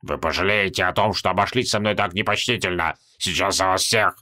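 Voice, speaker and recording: Demon general, ancient and boastful but cowardly, read by a man in a slow, drawn-out bellow with a low, hard-edged tone; audiobook. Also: bright, forceful tone. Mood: boastful, threatening.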